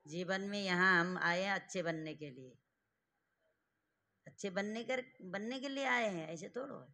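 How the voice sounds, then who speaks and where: A man teaching a grammar class to students in a classroom, slowly drilling them with repeated questions and giving stern, fatherly advice. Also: sits high, sharp tone. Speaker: Sanskrit teacher.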